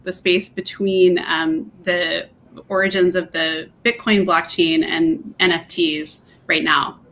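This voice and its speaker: A woman with a fairly low voice co-hosts an online talk over a video call. She explains things step by step in a conversational way and fills her pauses with ums. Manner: conversational, with frequent fillers, steady explanatory pace. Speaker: co-host of a museum talk series.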